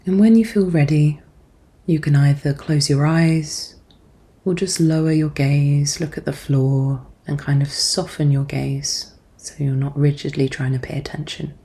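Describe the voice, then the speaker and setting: A woman with a deep, relaxed voice and dark, warm tone guides a meditation like a therapist, gentle and soothing. She speaks in a measured, calm way, giving each instruction softly.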